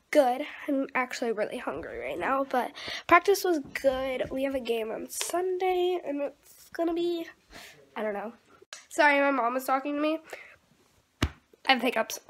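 A high-voiced thirteen-year-old girl rambles casually around the rooms of her home for a vlog. The camera is held at arm's length or propped nearby, and the handheld recording is noisy.

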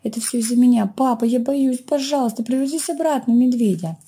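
A small boy bear cub from a storybook, as a woman reads him aloud, pleading in a high, childlike voice that rises well above her own. The tone is dark and husky. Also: fast talker. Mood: frightened, eager.

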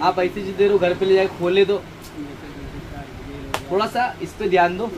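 A man in his thirties talks in a chatty, easygoing way with a fairly high voice. He walks through his stock and drifts into preachy asides. Street traffic and shop noise carry clearly behind him. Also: steady tone, moderate pace, dull audio. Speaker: shop owner showing stock. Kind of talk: casual product walkthrough. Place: crowded housewares shop, indoors. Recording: noisy shop with traffic outside.

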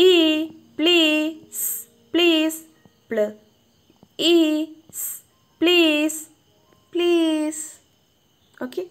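Lady teacher doing phonics, sounds out each bit slow, bit high voice, keeps asking questions. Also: gravelly. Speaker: home tuition teacher. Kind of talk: phonics lesson for children.

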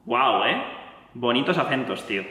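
A man from Spain with a Spanish accent, reacting to a song in excited, casual commentary full of fillers and exclamations. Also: mid-range voice, normal speed. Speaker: music reaction youtuber. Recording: echoey roomy sound with long reverb.

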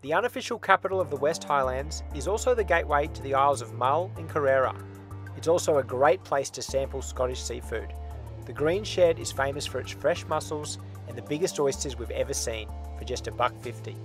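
A man's voice: mid-range voice, a little fast, a bit bright. A man giving upbeat, scripted voice-over narration for a road-trip travel vlog. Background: music.

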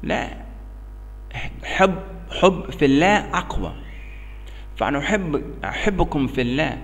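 A middle-aged American man speaking earnestly and emphatically in halting, broken Arabic with an English accent, as in an informal religious talk. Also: a little high, lively intonation, soft background music. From United States. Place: small bare indoor room. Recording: echoey reverberant room.

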